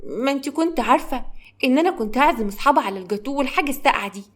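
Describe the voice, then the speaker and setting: A woman's voice: sits high, rapid-fire, voice pushed up. A woman with an Egyptian accent voicing a whiny young daughter in a raised voice. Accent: Egyptian Arabic.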